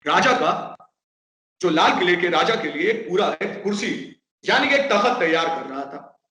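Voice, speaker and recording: A man with a high, bright voice tells a folk tale slowly, making sound effects and quizzing his listeners. The sound is echoey, as if in a bare room. His delivery is animated and unhurried. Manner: sound effects, asks audience questions. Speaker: storyteller at teachers' workshop. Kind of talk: animated storytelling.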